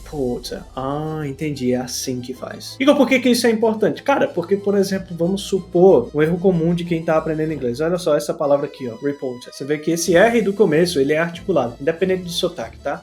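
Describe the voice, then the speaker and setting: A young Brazilian man with a Brazilian Portuguese accent, a pronunciation teacher giving a lively, casual video lesson and demonstrating words as he goes. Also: a little high. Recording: faint guitar music behind.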